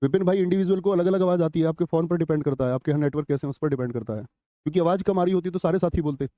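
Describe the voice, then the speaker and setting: A man's voice: fairly high pitch, very fast, warm tone, dry recording, highs cut off. A man teaching a live online exam-prep class, chatty, quizzing students and reading their chat comments aloud. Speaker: Hindi teacher.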